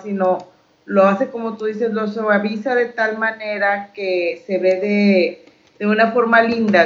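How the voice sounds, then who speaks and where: A man hosting a faith talk program, affirming and building on his guest's points in a calm, conversational way. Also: sits high. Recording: echoey, dull lo-fi sound.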